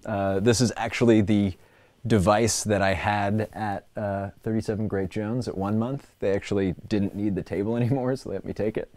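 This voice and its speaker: This man hosts a laid-back livestream from his indoor workspace, chatting playfully and rambling through a show-and-tell. His low-leaning, slightly mellow voice holds a steady tone at a moderate pace with no room sound, although the recording is clearly noisy and has clicks.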